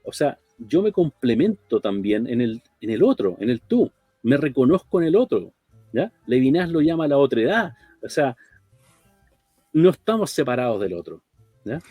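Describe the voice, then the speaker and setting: A man's voice: medium pitch, big pitch swings, normal speed, slightly rough, no room sound, narrow, tinny audio, faint music behind. A man co-hosting a talk program, speaking reflectively and often ending phrases with a questioning tag. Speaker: radio program co-host.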